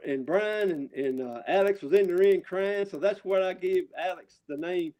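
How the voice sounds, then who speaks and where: A man with a high-pitched voice and a Southern drawl rambles through casual wrestling trash talk. He swears freely and pushes his points hard, sounding riled up. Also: moderate pace, dark tone. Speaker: wrestling promotion owner, show guest.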